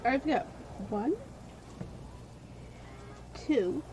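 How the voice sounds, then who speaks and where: A hoarse woman streamer talks over her gameplay, her worn voice swinging widely up and down as she rambles. She drifts from venting back to the game and out again. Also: high-pitched, animated, drawn-out words, noisy background. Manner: rambling, venting, jumping between rant and game. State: voice wearing out, hoarse. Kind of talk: live gameplay commentary.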